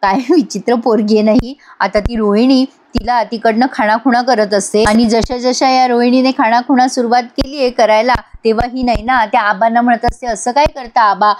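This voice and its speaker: Woman recapping a TV episode, casual, amused, fairly high pitch. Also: steady tone, moderate pace, hardly any pauses, a little mellow, slight background noise. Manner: chatty, amused, laughs often. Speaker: serial episode reviewer. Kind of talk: casual retelling narration.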